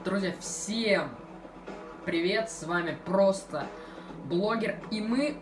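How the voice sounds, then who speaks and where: Slow-paced woman gaming host, echoey. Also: mid-range voice. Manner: amused, repeats urgings and echoes game lines. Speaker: gameplay video host. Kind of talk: casual let's play commentary. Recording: echoey, distant mic with game music behind.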